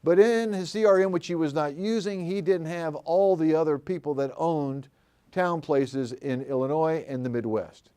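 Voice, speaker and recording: An older man runs a live training seminar with a slightly raised pitch. He tells folksy stories and keeps tossing questions to the audience. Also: normal speed, warm tone, clean tone. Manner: folksy, storytelling, asks the room questions. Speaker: commercial real estate trainer.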